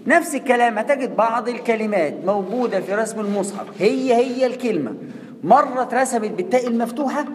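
A man with an Egyptian Arabic accent teaching a tajweed class, speaking quickly and conversationally, often putting questions to his students. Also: high voice. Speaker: Quran recitation teacher. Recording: echoey hall, faint room ambience.

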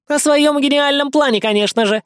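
A man reading an audiobook voices a vicious armored female cyborg villain who mocks and gloats in a raised, shrill voice. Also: fairly quick, a bit bright, no room sound, clean studio sound. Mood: gloating.

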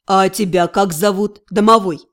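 A calm, gentle young man, the heroine's fiancé, speaking in a lowered voice, as a woman reader plays him. His tone is even and friendly. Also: normal speed, lightly acted.

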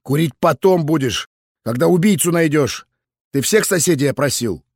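A man's voice: on the high side, animated, normal speed, a little mellow, dry recording, studio quality. A man reading an audiobook, voicing an irritable, pushy male police boss who barks demands at his staff. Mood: irritated. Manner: barking, demanding.

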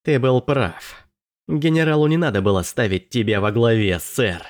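A man's voice: medium pitch, normal speed, lightly acted. A man voicing a harsh, blunt female army sergeant in an audiobook, with a curt, growling delivery. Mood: angry.

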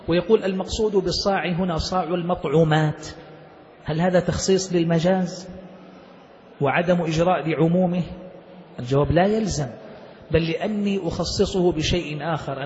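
A sheikh teaching Islamic jurisprudence works through a classical text step by step, asking his students questions as he goes. His voice is fairly high and darkish in tone, and he speaks fairly quickly. The dull lo-fi recording has a slight hiss or hum and a long hall reverb.

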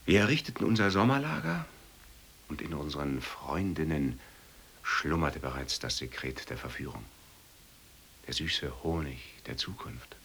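A male actor playing a mocking, theatrical man who lectures on love, swinging between loud taunts and whispers. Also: a bass voice, animated, a little slow, creaky, breathy edge, heavily acted. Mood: pompous. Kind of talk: stage or radio play acting.

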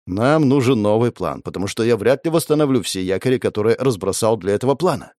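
A man voicing a tired father who sighs, argues softly and confesses he is dying. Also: on the low side, expressive, fast, dry recording, studio quality, close to an everyday voice. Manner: tired, sighing, pleading. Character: weary dying father, middle-aged man.

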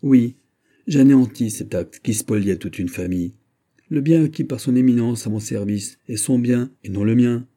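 A man's voice: mid-range voice, moderate pace, dark tone, lightly acted. Man doing a grave young king. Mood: firm. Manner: grave, firm, slightly ironic. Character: young king, grave beyond his years.

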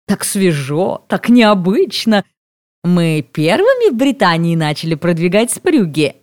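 A woman reader voicing a gushing, effusive woman, slow and drawn-out. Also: on the low side, very animated, darkish tone, dry recording, studio quality.

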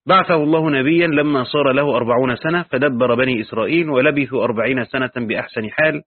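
Husky man reading commentary over a thin line. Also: medium pitch, dry recording, phone-quality sound. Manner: measured reading with pauses, self-corrections and spoken asides. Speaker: Quran commentary teacher. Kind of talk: reading and explaining a Quran commentary.

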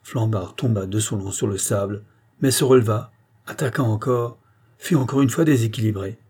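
A man reading a novel aloud as narrator in a measured, even manner. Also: fairly low pitch, breathy edge. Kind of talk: audiobook narration.

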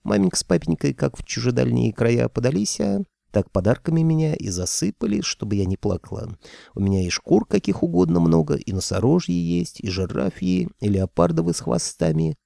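A man's voice: fairly low pitch, big pitch swings, normal speed, gravelly, warm tone, no echo, studio quality, full character voice. A man voicing a young female kikimora who is eager, boastful and cheeky. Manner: bowing, chattering, cheeky.

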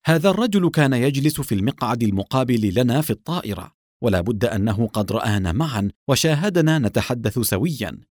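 A man reading an audiobook, voicing a composed young female lieutenant who explains herself in a measured way. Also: mid-range voice, animated, darkish tone, dry recording, studio quality, lightly acted. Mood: explaining.

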